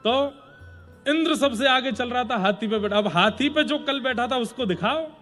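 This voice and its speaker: A man tells a devotional story from the pulpit, slipping in playful, joking asides. His voice sits high for a man. Faint instrumental music hums softly behind him. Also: normal speed. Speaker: preacher and storyteller.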